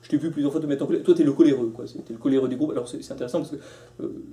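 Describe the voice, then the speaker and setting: A man's voice: medium pitch, steady tone, racing, warm tone. A man teaching a philosophy class, talking freely and acting out little quotes with many restarts. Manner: conversational, with restarts and acted-out quotes. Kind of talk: live lecture to a class.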